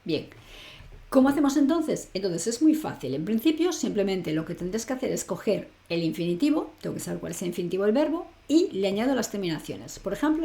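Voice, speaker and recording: Mellow-voiced woman teaching a grammar lesson. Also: medium pitch. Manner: patient explaining, often checks with "¿vale?". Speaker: language teacher.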